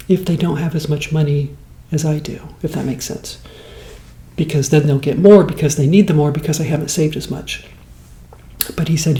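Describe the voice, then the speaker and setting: Soft-spoken man in his fifties. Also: a little high, roomy sound. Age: 50s. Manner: slow, rambling, conversational. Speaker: host. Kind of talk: soft-spoken ASMR talk.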